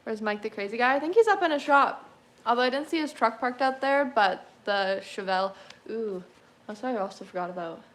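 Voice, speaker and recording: A woman's voice: on the high side, lively intonation, brisk, a bit bright. A woman in her twenties, a car restoration creator answering livestream chat in a chatty, easygoing way with frequent laughs. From Canada. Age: 20s. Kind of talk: casual livestream Q&A reading chat.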